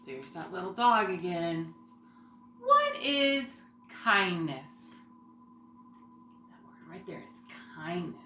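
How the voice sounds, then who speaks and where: Bright-voiced, slow-paced female young children's teacher. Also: on the low side, huge pitch swings. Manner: simple, child-directed phrasing with questions to the children. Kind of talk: singing greeting and read-aloud lesson for young children. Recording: roomy echo, faint background noise.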